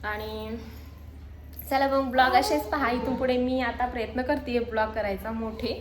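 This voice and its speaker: A woman's voice: a little high, fairly even intonation, moderate pace, roomy sound. A young woman chatting casually for her home vlog, filming on her phone. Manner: chatty, talks to her little son in a coaxing sing-song voice. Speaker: mom vlogger. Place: small room at home. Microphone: handheld phone.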